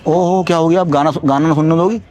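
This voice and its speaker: A man talks quickly and cheekily, teasing a stranger with mock-innocent remarks as part of a prank. His pitch sits in the middle range. A busy crowd murmurs loudly behind him. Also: fairly even intonation. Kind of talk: prank video banter.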